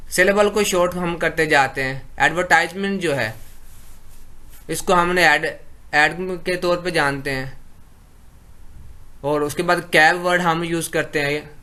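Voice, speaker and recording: A man from Pakistan giving a lecture. He reads English definitions slowly, then explains them in conversational Urdu. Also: on the high side, bright, forceful tone.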